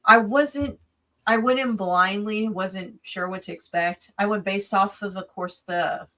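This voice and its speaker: A woman's voice: medium pitch, measured pace, fairly bright tone. A woman co-hosting a podcast in casual chat, rambling through a film plot with many restarts, tired and yawning from recording late at night. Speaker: podcast co-host.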